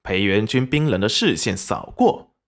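A man narrating a web novel audiobook in an expressive storytelling manner. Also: fairly low pitch, moderate pace, creaky.

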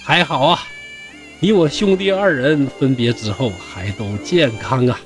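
A man's voice: medium pitch, soft background music, close to an everyday voice. A man voicing a serene Taoist immortal. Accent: Northeastern Mandarin. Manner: calm, unhurried, smiling. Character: serene male Taoist immortal, calm and detached.

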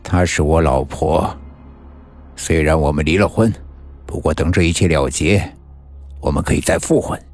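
A man voicing a cruel, smug male schemer who gloats calmly. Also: rumbling low, normal speed, pauses often, faint music behind, voice pushed down. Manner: calm, gloating.

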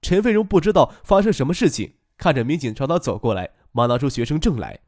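A man's voice: mid-range voice, lively intonation, fast talker, darkish tone, dry recording, studio quality. A man narrating a serialized novel as an audiobook storyteller.

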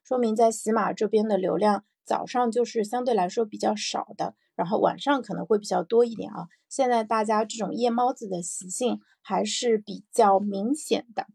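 A woman's voice: medium pitch, normal speed, creaky, few pauses, darkish tone, husky, dry recording, clean studio sound. A woman hosting a personal morning audio show, talking casually and reflectively, thinking aloud with repeated phrases and little check-in questions. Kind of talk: casual reflective solo podcast talk.

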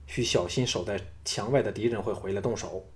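A man voicing a young hero in an audiobook who gives orders in a calm, clipped way. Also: on the low side, fairly quick, close to an everyday voice. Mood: commanding. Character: cool, commanding young male hero leader.

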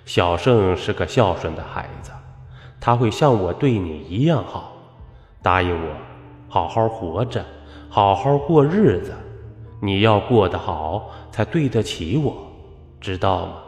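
Man voicing a soft-spoken ghost husband. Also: animated, unhurried, roomy sound, long reverb tail, faint music behind. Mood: tender, soothing. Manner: soft, low and tender. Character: gentle ghost of a devoted husband.

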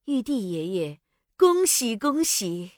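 A man voicing polite, fussy female court officials with a high, formal manner. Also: very animated, slow, a little mellow, no echo, clean studio sound, full character voice. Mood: courteous.

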